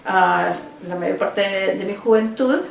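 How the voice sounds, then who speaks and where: A woman teacher from El Salvador answers interview questions at home, sounding earnest and thoughtful and making small restarts. Her mid-range voice is a little slow with vocal fry. The recording is roomy, with the mic at a distance and slight background noise.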